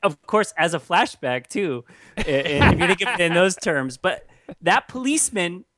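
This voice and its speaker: A man's voice: sits high, expressive, moderate pace, sharp tone, no echo. A man co-hosting a casual film podcast who restarts sentences and sounds amused. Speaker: podcast co-host. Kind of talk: casual film-review chat.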